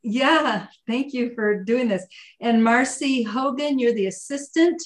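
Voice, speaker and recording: A woman's voice: fairly high pitch, unhurried. A woman hosting an interview on a video call, introducing her guests in a friendly, upbeat way. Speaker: interviewer host.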